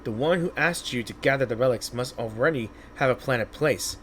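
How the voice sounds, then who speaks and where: A man's voice: mid-range voice, a little fast, fairly bright tone, a little hiss or hum, natural voice. A man voicing a solemn, resolute ancient woman guardian from a game in a grave, theatrical way. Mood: grave resolve.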